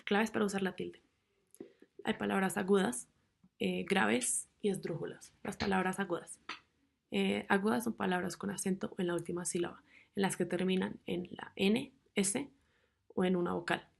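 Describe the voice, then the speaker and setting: Young female student presenter, mid-range voice with some fry, measured reading of a lesson. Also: medium pitch, fairly even intonation. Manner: reads rules and lists of example words in a measured way. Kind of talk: narrated class presentation.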